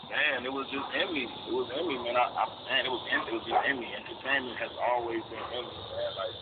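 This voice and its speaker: A man's voice: mid-range voice, fairly even intonation, quick pace. A man from Chicago being interviewed about his rap career, talking in a laid-back, profane way with lots of fillers. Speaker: interview guest, rapper. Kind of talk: casual interview chat. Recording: tinny phone line with background noise.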